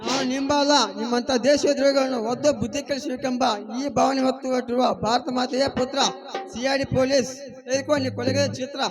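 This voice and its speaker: A man playing a stern undercover police officer in a stage drama, delivering lines in a grave, even declamation. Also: extremely high pitch, fast talker. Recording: stage music behind.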